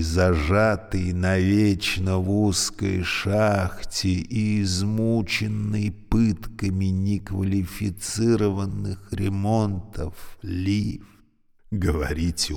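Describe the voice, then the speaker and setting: A man voicing an old, creaky, talking elevator, speaking slowly and courteously with a weary, sorrowful politeness. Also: low voice, a little mellow, big-room sound, voice pushed up, heavily acted. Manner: slow, courteous, mournful.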